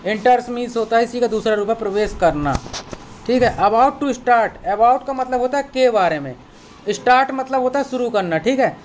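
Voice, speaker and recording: A man's voice: extremely high pitch, unhurried, slight background noise. Patient man teaching vocabulary. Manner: patient, repeats words and checks understanding; spells words out letter by letter. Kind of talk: vocabulary lesson for children.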